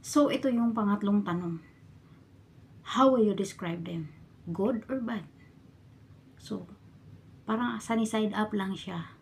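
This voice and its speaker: A woman from the Philippines, a domestic worker abroad, telling her story in a casual vlog and often dropping into a hushed whisper. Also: mid-range voice, slow pace, long pauses, a little hiss or hum. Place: a bedroom in her employer's home.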